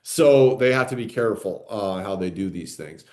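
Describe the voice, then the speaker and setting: Guy co-hosting a podcast, low mellow voice, lots of "like" and "right?". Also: lively intonation, moderate pace. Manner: rambling, many fillers and tag questions. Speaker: podcast co-host. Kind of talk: casual conversational chat.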